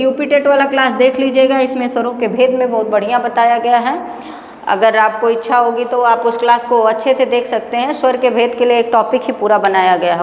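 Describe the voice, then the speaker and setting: A high-pitched woman lectures on grammar for exam students, posing questions to the class and answering them herself. She stretches out example sounds in a slow chant. Her voice rings in a roomy space with a long, lingering reverb. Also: a little mellow, slight background noise. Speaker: Sanskrit grammar teacher. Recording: echoey room with long reverb.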